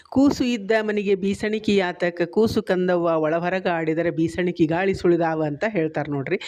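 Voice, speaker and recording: A woman with a North Karnataka accent hosts a cooking channel and explains child-care customs in a folksy, conversational way. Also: mid-range voice. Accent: North Karnataka Kannada. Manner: folksy, conversational, often says "see".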